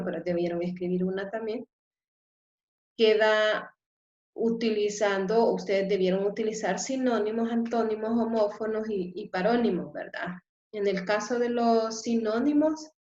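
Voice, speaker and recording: A woman teacher giving a slow, patient class lecture, often checking in with the students. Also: medium pitch, a little mellow. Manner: slow and explanatory, with frequent rhetorical "¿verdad?". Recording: roomy, dull lo-fi sound.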